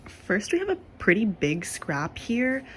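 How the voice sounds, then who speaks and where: A young woman talks casually through a sewing tutorial at home, in a mid-pitched voice. She is chatty and jokes at her own expense as she works. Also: big pitch swings, unhurried, very noisy. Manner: chatty, self-deprecating. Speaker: crafting vlogger.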